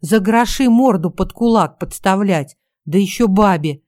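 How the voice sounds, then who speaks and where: Casting: a woman doing a cornered, whiny male photographer, mellow, dry voice. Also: mid-range voice, animated, unhurried, dry recording, lightly acted. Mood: indignant. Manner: whining, sputtering complaints.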